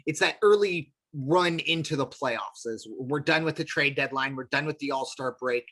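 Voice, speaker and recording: A man co-hosting a sports podcast in a slightly higher register. He talks in loose, rambling stretches, restarting sentences and padding them with "um" and "obviously.". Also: moderate pace, sharp tone. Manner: rambling, many fillers and restarts. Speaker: podcast co-host. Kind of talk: casual sports talk.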